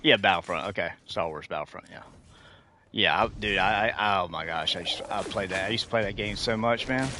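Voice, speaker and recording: A man in his forties livestreams a game and chats casually with his viewers, rambling and restarting his sentences. His voice is deep and a little fast, with a noisy background.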